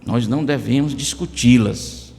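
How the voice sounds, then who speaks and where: A man's voice: mid-range voice, unhurried, gravelly, warm tone. A man from Brazil with a Brazilian Portuguese accent preaching a sermon in church, addressing listeners by name with emphatic rises. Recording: church hall reverb.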